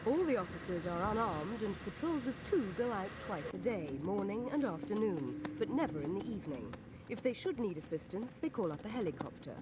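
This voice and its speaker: A woman reporter reading scripted documentary narration in a measured, formal manner. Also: mid-range voice, big pitch swings, heavy background noise.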